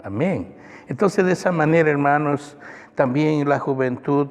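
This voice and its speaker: A man's voice: on the high side, moderate pace. A male pastor preaching a sermon in an emphatic way, often calling out to the brethren in a church. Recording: long church reverb, faint music.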